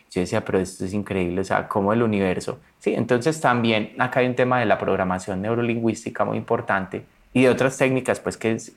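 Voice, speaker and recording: A man with a low voice tells stories in an animated way. He is a mental coach, a guest in a conversation, and he slips into the voices of the people he quotes. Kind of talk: conversational storytelling.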